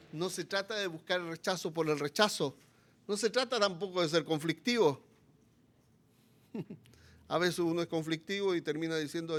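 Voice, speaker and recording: This sermon comes from a man with a Chilean accent, a pastor whose delivery alternates between impassioned, loud pleas and low, quiet moments.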